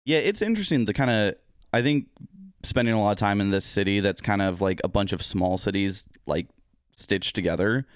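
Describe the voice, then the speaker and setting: A teasing young man with a Southern California accent swears freely and reacts with disbelief in casual podcast chat. His pitch swings widely. The sound is close and dry on a studio mic. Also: expressive, a little fast, dry recording. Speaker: podcast co-host.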